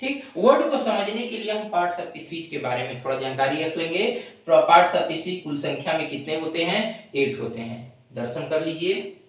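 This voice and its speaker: A woman teaching an English lesson, drilling pronunciation slowly and often checking whether the class follows. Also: low voice, animated, very echoey, recorded from a distance, rough recording. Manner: drills words slowly, often asks if students understand. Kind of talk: classroom-style tutorial.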